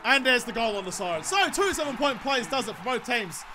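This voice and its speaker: A man's voice: very high-pitched, big pitch swings, fairly quick, noisy background. An Australian man in his twenties giving casual, sweary gameplay commentary with exasperated, sarcastic ranting. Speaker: gaming video host.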